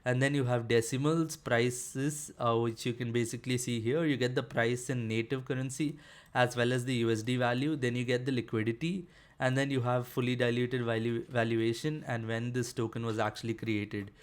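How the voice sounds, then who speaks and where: A man's voice: medium pitch, fairly even intonation, moderate pace. A man presenting a screen-share programming tutorial, explaining casually with frequent fillers like "uh" and "basically".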